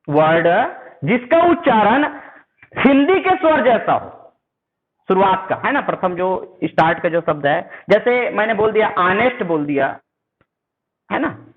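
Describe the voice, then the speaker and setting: Male grammar teacher, high lively voice, checks in constantly, narrow phone-like sound. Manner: keeps asking "है ना?" to check the listener, repeats words slowly; spells out sounds and example sentences while writing. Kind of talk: spoken classroom lesson.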